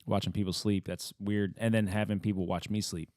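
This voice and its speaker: Profane low-voiced podcast co-host man. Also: a little fast, no room sound, studio quality. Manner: profane, animated, laughs easily. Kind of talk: casual chat.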